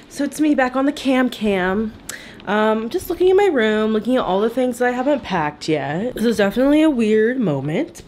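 A woman's voice: mid-range voice, a little mellow, slight background noise. A young woman in her twenties vlogging casually to a handheld phone camera, playful and swearing freely. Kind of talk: casual vlog chat. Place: house rooms and parked car.

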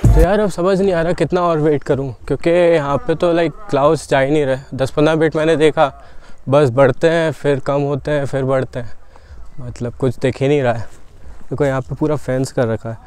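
A man's voice: on the high side, steady tone, a little fast, darkish tone, clear, resonant tone, faint music behind. A young man talking casually to his camera on a motorcycle trip, thinking aloud as he goes. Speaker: motorcycle vlogger. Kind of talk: casual travel vlog. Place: outdoors on a hill road. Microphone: lapel mic, selfie camera at arm's length. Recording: outdoor noise from traffic. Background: traffic and outdoor ambience.

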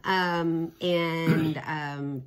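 A woman with a low voice chats casually at home, rambling through stories with plenty of fillers. She is sick, with a cough and a little short of breath. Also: fairly even intonation, extremely slow, clean tone. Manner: chatty storyteller, many fillers. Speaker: vlog co-host. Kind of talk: casual chat.

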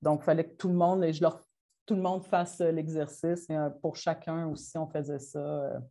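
Her voice sits low, dark in tone and flat in delivery. A Quebec French-accented teacher, she presents her classroom methods to fellow teachers informally, with hesitation, many fillers and restarts, and a delivery she describes as rushed.

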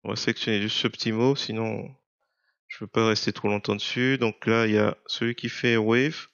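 A man narrating an unscripted software screencast, explaining step by step in a hesitant, halting way. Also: lowish voice, flat delivery, gravelly, no room sound, muffled recording. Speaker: software tutorial presenter.

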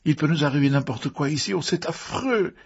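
A man's voice: a little high, fairly quick, slightly rough, highs cut off, voice pushed up. A man playing a wailing, frightened woman. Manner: moaning, pleading.

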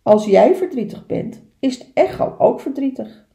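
A woman voicing a wise old beaver in a storybook reading, explaining things calmly and gently. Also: a little high, normal speed, creaky, roomy sound. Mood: gentle.

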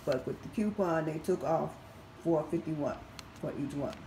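A raspy woman, slowly walking through a shopping haul and reading prices off receipts. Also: sits low, dark tone. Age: 50s. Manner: methodical, reads prices off receipts. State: recovering from surgery. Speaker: couponing vlogger. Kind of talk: casual product haul walkthrough. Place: indoor room at home. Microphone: phone camera held over items. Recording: echoey room with faint background noise.

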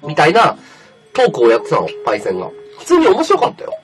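Man chatting casually on a livestream, very lively pitch. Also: quick pace. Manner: rough, offhand slangy talk, answering comments aloud. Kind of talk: casual livestream chat reading viewer comments.

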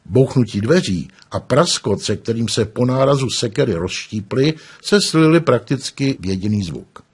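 A man reading an audiobook aloud with expressive storytelling. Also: medium pitch, husky. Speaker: audiobook narrator. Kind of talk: audiobook narration.

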